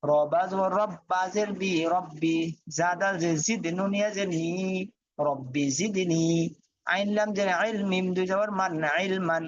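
A man teaching Quran reading, spelling out letters and vowel marks in a steady chant and then reading each whole word. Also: high voice, unhurried. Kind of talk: spelling-out recitation lesson. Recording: dull dry lo-fi audio.

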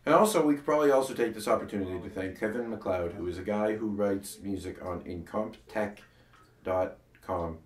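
A man with a lowish voice chats casually about his comedy web series and keeps restarting his sentences. He sounds set back from the mic in a roomy, echoing space. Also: brisk, distant mic, a little hiss or hum. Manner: rambling, restarts sentences often. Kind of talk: casual chat. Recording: echoey room, voice a bit off-mic.

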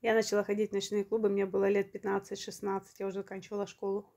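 A woman around fifty from Ukraine, telling a long personal story in a vlog, unhurried and matter-of-fact, slightly short of breath. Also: mid-range voice, monotone, vocal fry, a little mellow. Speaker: vlogger.

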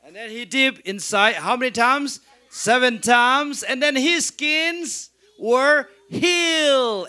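A man's voice: very high voice, sharp tone. A man teaching an interactive Bible lesson, asking questions and answering them himself, then leading the class to repeat after him. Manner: leads call-and-response repetition. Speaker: Sunday school teacher.

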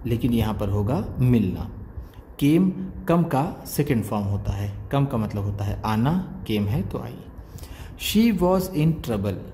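A man teaching English word by word, reading each word slowly and then explaining its meaning. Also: mid-range voice, dark tone, slight background noise, low-quality recording. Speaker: English teacher, channel host. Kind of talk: slow word-by-word reading lesson.

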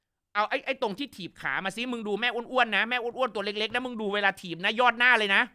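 Shrill ranting older woman, plump, foul-mouthed and furious, as a male host mimics her, piercing and bright. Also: steady tone, fast talker, clean tone, heavily acted. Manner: shrill, ranting, yelling insults.

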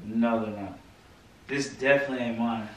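A young man at home who talks in casual, slangy speech and turns to heated shouting when he is upset. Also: medium pitch, steady tone, moderate pace. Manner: slangy, laid-back, rising to heated shouting. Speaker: husband, vlogger. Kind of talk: casual argument. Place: indoors at home. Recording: very echoey room, mic far off, faint noise.

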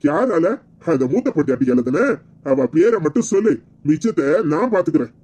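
A man's voice: fairly high pitch, big pitch swings, fairly quick, mellow. A man playing a scheming young village man, sly and boastful, in a Kanyakumari Tamil accent. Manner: sly, cocky, persuasive.

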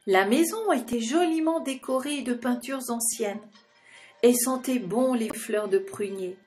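A woman's voice: on the high side, measured pace, a little mellow, faint music behind. A woman narrating a children's storybook expressively and speaking directly to the young listener.

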